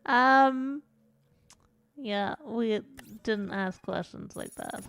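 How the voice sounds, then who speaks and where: Woman streamer, slow and chatty, a bit high-voiced, tells stories while playing; dry, close sound. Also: gravelly, a bit bright. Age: adult. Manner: rambling, chatty, swears casually. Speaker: VTuber streamer. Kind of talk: casual storytelling while playing a game.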